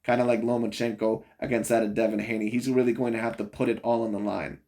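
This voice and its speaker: A man with a mid-range, darkish voice talks quickly with little pitch movement as he reviews a boxing video. His casual opinion commentary rambles, he chuckles often between points, and he keeps repeating "overall" and "in my opinion."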